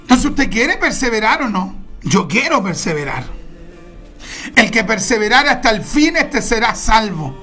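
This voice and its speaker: A woman preaching a sermon, emphatic and repetitive, stretching key words and now and then bursting into shouts. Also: on the high side, sing-song, a little slow, faint music behind.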